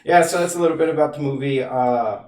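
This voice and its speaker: A man's voice: medium pitch, quick pace, darkish tone, far from the mic. A young man hosting a casual film chat, hesitant and laughing often, stumbling over names. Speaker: podcast host. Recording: echoey room, voice a bit off-mic.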